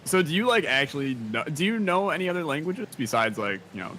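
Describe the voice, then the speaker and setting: A man's voice: on the high side, very animated, noisy background. Easygoing American man laughing along. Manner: easygoing, laughs a lot, quick reactions. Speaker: co-host. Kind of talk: casual chat while gaming.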